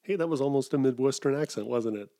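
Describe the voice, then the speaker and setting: A man's voice: mid-range voice, fast, warm tone. A middle-aged man from Wisconsin hosting a solo podcast, rambling through digressions with self-mocking asides. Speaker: podcast host.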